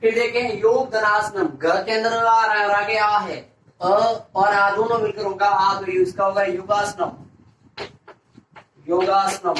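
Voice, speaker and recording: High-voiced teacher quizzing and answering himself. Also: male voice, steady tone, measured pace, a bit bright. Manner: asks a question and answers it himself, repeating each answer. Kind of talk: classroom-style grammar lesson. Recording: echoey room, voice from a distance, faint hiss.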